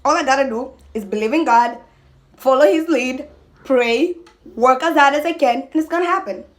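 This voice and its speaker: This mukbang vlogger, a young adult woman, talks casually to camera at normal speed in a high-pitched voice. She's animated and emphatic, often abandoning thoughts partway.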